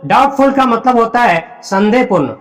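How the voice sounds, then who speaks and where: A man's voice: very high-pitched, sing-song, normal speed. A man teaching an English spelling lesson, spelling words out letter by letter and quizzing pupils with repeated questions. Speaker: English teacher at a coaching center. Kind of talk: classroom lesson.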